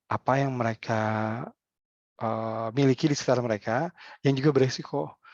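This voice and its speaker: Animated man teaching, muffled dry sound. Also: no echo. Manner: animated, acts out example dialogues with lively pitch jumps. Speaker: trainer on health communication. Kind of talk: casual workshop talk.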